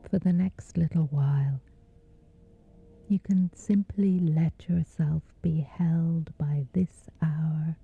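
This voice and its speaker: Softly and soothingly, a woman with a low, breathy, whispery voice hosts a slow guided meditation for sleep, pausing at length in a measured way. The audio is dull and muffled, sitting under background music.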